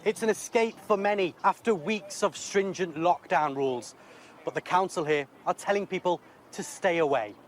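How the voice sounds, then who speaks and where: High-pitched male news reporter outdoors. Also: normal speed, a little hiss or hum.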